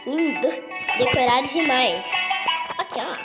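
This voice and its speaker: High-voiced Brazilian woman gaming. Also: unhurried, lo-fi sound, over loud music. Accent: Brazilian Portuguese. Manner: excitable, swears casually, talks to viewers. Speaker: gaming YouTuber. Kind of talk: casual gameplay commentary.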